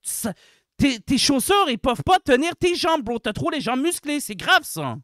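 A gaming commentator with a Québécois accent, ranting in a comedic video, exaggerated and slangy, swinging between mock sweetness and outrage while addressing viewers as ladies and gentlemen. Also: high voice, very animated, normal speed, no echo, studio quality. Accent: Québécois French.

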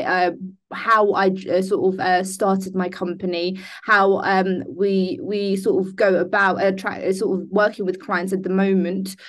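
A young woman born in Denmark, a business founder speaking in a video call interview, hesitant with many ums and restarts. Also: medium pitch. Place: indoor room. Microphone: laptop webcam on a video call.

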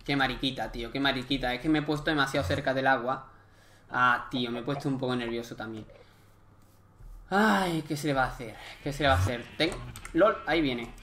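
Excitable young Spaniard narrating his gameplay. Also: mid-range voice, brisk, a little hiss or hum. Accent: Spain Spanish. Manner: excitable, chatty, swears, jokey slang. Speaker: gaming YouTuber. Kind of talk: live gameplay commentary.

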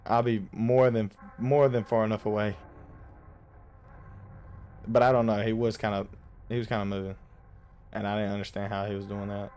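A young man giving casual, jokey commentary while playing a horror driving game, slangy and quick to yelp when startled. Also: on the low side, little pitch movement, darkish tone, slight background noise. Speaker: gaming YouTuber.

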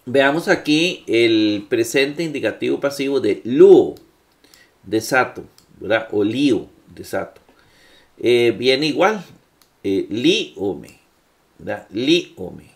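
Slow, gravelly male grammar teacher. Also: mid-range voice, lively intonation. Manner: slow, patient, with many fillers and checks. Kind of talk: classroom lecture.

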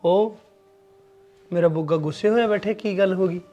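A man's voice: sits high, moderate pace, dark tone, dull audio, faint music behind, natural voice. An actor playing an exasperated, teasing husband arguing with his wife in a short film. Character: exasperated joking young husband.

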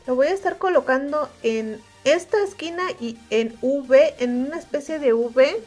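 A woman with a Mexican Spanish accent giving a calm, step-by-step makeup tutorial as she reviews an eyeshadow palette. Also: sits high, normal speed, faint music behind.

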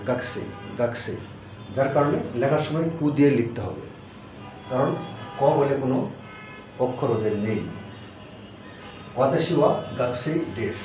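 A man's voice: on the high side, darkish tone. A man teaching a language lesson, patiently repeating and spelling out syllables one at a time. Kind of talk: spoken grammar lecture. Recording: echoey, dull lo-fi room sound.

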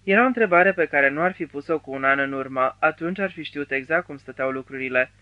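A man narrating an audiobook in a measured storytelling manner. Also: a little high, dry recording, muffled recording. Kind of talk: scripted narration.

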